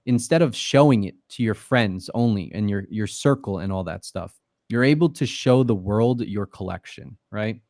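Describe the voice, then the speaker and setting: Low-pitched and a little mellow, this podcast guest speaks at a moderate pace in a casual interview, swearing freely and using lots of fillers. The sound is clean studio audio without echo.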